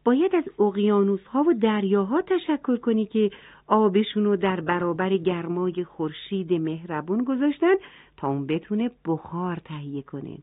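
A woman voicing the Wind, a calm and modest figure who explains things in a children's story. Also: fairly low pitch, no room sound. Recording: tinny phone-like dry sound.

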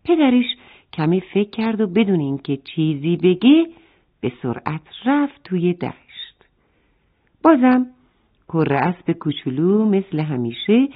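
A woman telling a children's story in an expressive way and speaking directly to the children as she narrates. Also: fairly low pitch. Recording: phone-like narrow band.

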